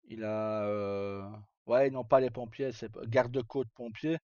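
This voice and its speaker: Speaking at a measured pace, this man hosts a livestream with loose, casual chatter and a bit of mild cursing. His medium-pitched voice is a little mellow, and the audio is dull with no echo.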